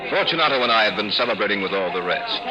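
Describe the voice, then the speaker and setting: An actor playing a brooding, vengeful nobleman who narrates his own tale in an old-time radio drama, with a measured, dramatic delivery and an old broadcast sound. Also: on the low side, animated, a crowd in the background. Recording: dull old radio recording with music.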